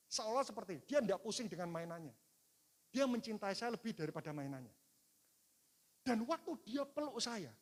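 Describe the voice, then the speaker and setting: A middle-aged man preaching a sermon, telling a personal story. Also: very high-pitched. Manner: animated storytelling, voice rising and falling. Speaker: pastor.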